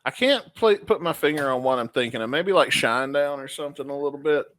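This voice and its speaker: A man's voice: a little high, lively intonation, fast, a bit bright. A man from the southern United States co-hosting a music review show in casual chat. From Memphis, United States.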